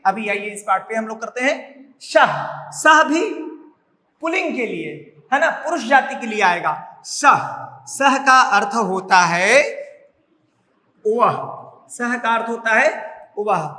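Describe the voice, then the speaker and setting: A male teacher explains Sanskrit words one by one, repeating them patiently and quizzing his students. His voice is unusually high and bright. It rings around an echoey room with a long reverb tail. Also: animated. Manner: slow, repetitive, drills each word and asks the class questions. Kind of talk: classroom lesson explaining word meanings.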